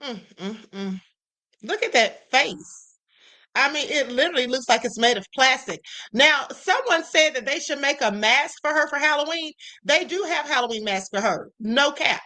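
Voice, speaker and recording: A woman hosting a live stream, giving sassy, emphatic commentary with drawn-out asides. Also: high-pitched, expressive, sharp tone. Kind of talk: casual commentary.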